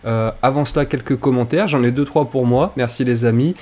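A man's voice: mid-range voice, a little fast, a little mellow. A French man hosting a live web show, friendly and reading viewer comments aloud. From France. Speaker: host.

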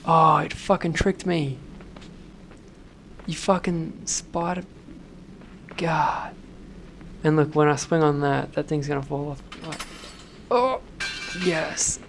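Gravelly gamer, slow and sweary. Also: male voice, a little high, level tone, fairly bright tone, slight background noise. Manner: swears constantly, jumpy outbursts at sudden deaths. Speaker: let's play gamer. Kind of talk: gameplay commentary.

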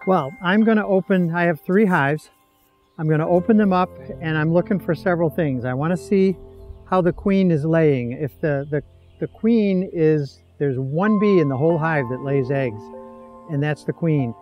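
A man in his sixties, an amateur beekeeper from upstate New York, explaining his hives in a relaxed, halting way with many fillers, recorded outdoors in a backyard. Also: fairly high pitch, dull audio, soft background music. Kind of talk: casual explanation while working.

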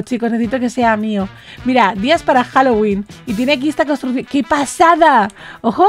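A woman with a Spanish accent from Spain, giving a bubbly, exclamatory game tour while talking straight to her viewers. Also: high-pitched. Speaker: Roblox YouTuber. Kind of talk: excited gameplay tour commentary.

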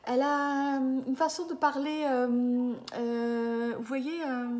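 A fiftysomething woman acting as a medium gives a slow, flat live reading to a client through a webcam at her desk in a small room. Her voice sits high and a little mellow, and she's hesitant, using many fillers and often checking in with the listener.

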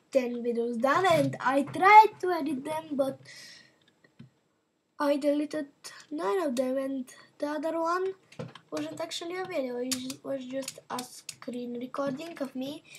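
A woman's voice: high-pitched, a little hiss or hum. A woman giving casual, rambling commentary to her viewers while she plays a game. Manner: chatty and rambling, talking to viewers while playing. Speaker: gaming channel host.

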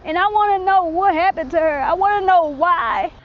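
High-voiced woman, earnest and determined. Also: normal speed, highs cut off. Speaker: interviewee, friend of victim. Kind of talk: news interview. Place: outdoors by roadside brush.

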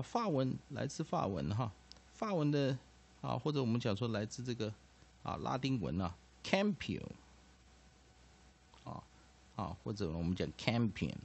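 A man's voice: medium pitch, vocal fry, slightly rough. A man teaching English pronunciation, padding his sentences with filler particles and repeating each point. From Taiwan. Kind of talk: explanatory lesson.

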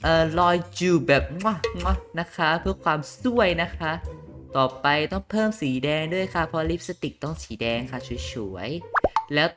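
A man voicing a vain, boastful young woman beauty queen in a comedic game role-play, with a shrill, dramatic, squealing manner. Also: moderate pace, a bit bright, lightly acted. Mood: preening. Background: game music.

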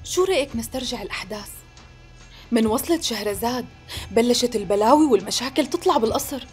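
A woman with a Syrian Arabic accent dubbing a scheming, smooth-talking sultan's wife, coaxing and polite with a pointed edge. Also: a little high, animated, fast, faint music behind, lightly acted. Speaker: dub actress. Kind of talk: dubbed TV period drama.

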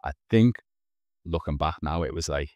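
This very deep, slightly mellow voice belongs to a thirty-something man talking at normal speed; the recording is muffled but has no room sound. Appearing as a podcast guest over a video call with headphones on, he earnestly shares a candid personal story from a small indoor room, frequently starting his sentences over.

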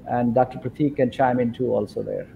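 A man with a gravelly edge moderates over a conference call, and his voice comes through thin and phone-like. He interrupts politely and apologizes as he steers the panel. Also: medium pitch, steady tone, fairly quick, slight background noise. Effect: video conference call audio. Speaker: webinar moderator. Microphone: remote video call. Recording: tinny phone-like call line.

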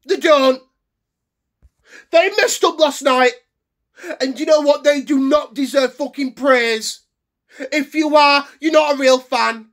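A man playing an angry young football fan in a comedy sketch, ranting and swearing with shouted bursts. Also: extremely high pitch, steady tone, takes it slowly, long pauses, full character voice. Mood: furious. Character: furious English male football fan ranting. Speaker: comedy character.

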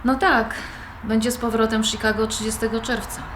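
In an audio drama scene, a young woman plays an independent-minded granddaughter, her voice fairly high, flat, and brisk, close to how she'd normally talk. She sounds lightly upbeat, conversational and questioning, with a mild note of protest, and the recording is roomy with background noise.

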